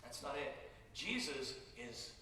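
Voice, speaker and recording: Emphatic pastor preaching in an echoey hall. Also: male voice, mid-range voice, sing-song, slow pace, distant mic, a little hiss or hum. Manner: emphatic, rising to loud repeated lines. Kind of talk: sermon. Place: large church sanctuary.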